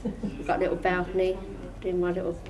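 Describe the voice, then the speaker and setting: A woman's voice: on the low side, flat delivery, brisk, crowd noise. An older woman, a bingo customer, chatting casually as she is interviewed. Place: small indoor room, seated interview.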